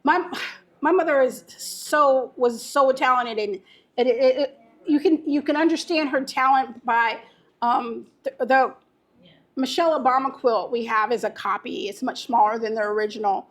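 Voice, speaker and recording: A woman giving an informal guided tour, explaining things in a halting way with frequent pauses mid-phrase. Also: high-pitched. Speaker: museum guide.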